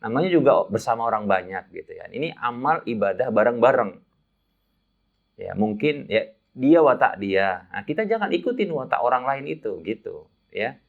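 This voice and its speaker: A man of middle pitch leads a religious lesson for pilgrims in a lively, chatty way. His voice rises and falls freely as he chuckles through his anecdotes. The recording is somewhat dull and lo-fi. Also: moderate pace, vocal fry. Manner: lively, chatty, laughs at his own stories. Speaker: umrah guide teaching pilgrims. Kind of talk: religious instruction talk. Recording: dull lo-fi sound.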